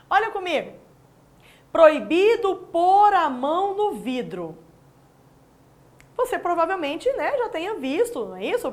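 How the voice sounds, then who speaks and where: A woman teaching a recorded distance-learning lesson, asking the viewer questions and answering them with friendly tag questions. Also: very high-pitched. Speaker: Portuguese language teacher.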